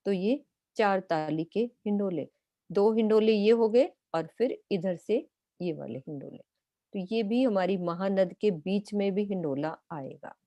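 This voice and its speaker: Mellow-voiced woman teaching patiently. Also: medium pitch, no room sound. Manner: patient, step-by-step, points out details on a map. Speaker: spiritual teacher. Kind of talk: explanatory lesson.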